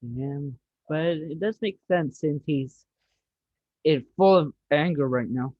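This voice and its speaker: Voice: medium pitch, slow, no echo, phone-quality sound. A host reacting to a horror story in casual, chatty commentary, often exclaiming.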